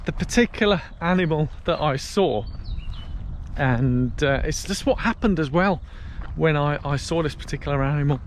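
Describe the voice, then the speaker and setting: British guy doing a walking vlog, voice a bit high, chatty, bit of outdoor and traffic noise behind. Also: normal speed. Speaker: vlogger. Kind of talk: casual walk-and-talk vlog. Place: outdoors on a canal path.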